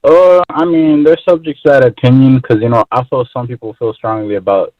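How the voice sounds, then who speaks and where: A man calls in over a choppy, bad phone connection, his voice squeezed thin and tinny with no room around it. He talks loosely and rambles, dropping "bro" into nearly every thought. His pitch sits in an ordinary middle range. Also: steady tone, fairly quick, dry recording. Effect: phone line with choppy, bad connection. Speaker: caller. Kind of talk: casual call-in chat. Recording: tinny, dry phone line.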